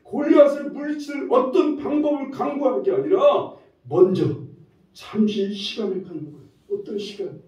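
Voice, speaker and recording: A man preaching a Sunday sermon as the church's pastor, his delivery swelling and dropping, at times rising nearly to a shout. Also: high-pitched, expressive, moderate pace. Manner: preaching with frequent shifts in force, rising to near-shouts. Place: church sanctuary. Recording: roomy echo from a distance, dull lo-fi sound.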